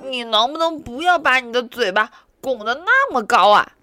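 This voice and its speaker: A loud, high-pitched young anteater boy, as a woman reads him aloud in a storybook, bossy and boastful, forever scolding his little brother. The voice leaps up and down with a lot of swing. Soft music plays under it. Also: sing-song, a little slow. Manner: shouting, scolding, panicky. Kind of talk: children's storybook reading.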